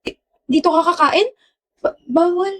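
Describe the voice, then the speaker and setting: A woman's voice: very high-pitched, measured pace, a bit bright, distant mic, pitched above the performer's own voice. A woman voicing a guarded, curt young woman in a comedy skit. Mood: flustered. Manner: curt and defensive.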